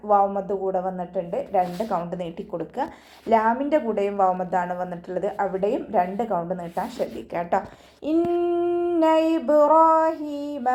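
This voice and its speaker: A woman teaching Quran recitation rules in an online class, patiently correcting pronunciation step by step. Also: mellow. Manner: chants verses slowly and higher between explanations. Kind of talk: tajweed lesson with slow recited verses.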